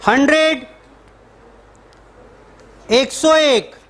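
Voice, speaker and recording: A male math teacher gives a relaxed, teasing lecture to his class. His voice sits high, and a faint hum of room ambience hangs under it. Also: extremely slow. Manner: casual, joking teacher who calls students beta.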